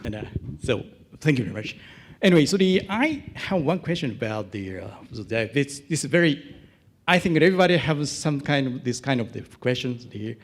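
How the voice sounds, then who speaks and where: A man in the audience asking a question in a lecture hall, halting and searching for his words, heard from a distance. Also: mid-range voice, lively intonation.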